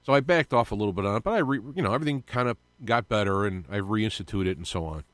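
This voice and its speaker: Low-voiced man rambling on live radio. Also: animated, racing, dry recording. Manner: rambling, full of fillers and restarts, confiding. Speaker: radio show host.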